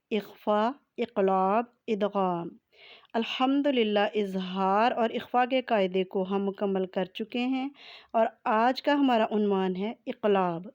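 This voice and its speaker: A woman teaching a tajweed lesson, explaining patiently and methodically and spelling letters out slowly. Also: medium pitch, a little mellow, no room sound, clean studio sound. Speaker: Quran recitation teacher. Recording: dull lo-fi sound.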